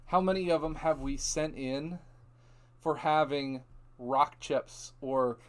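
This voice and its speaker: A man from Ohio hosting a casual live stream, telling lively dealership stories with frequent laughs. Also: a little high, slow pace. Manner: animated storytelling, laughs often. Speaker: host.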